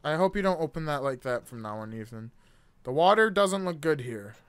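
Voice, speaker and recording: Nervous, clear-voiced young man streaming horror. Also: fairly high pitch, expressive, fairly quick, fairly bright tone, no room sound. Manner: nervous, jokey reactions to scares; casual, profane. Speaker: video game streamer. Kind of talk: live horror game commentary. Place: indoor gaming room. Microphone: close desktop microphone.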